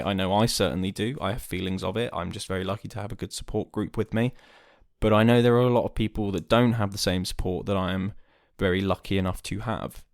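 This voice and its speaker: A man hosting a podcast, talking earnestly and rambling a little, swearing casually, from a dark room. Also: fairly low pitch, no echo, studio quality. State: hiccuping. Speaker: podcast host. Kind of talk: casual podcast monologue and chat. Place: dark room lit by candles.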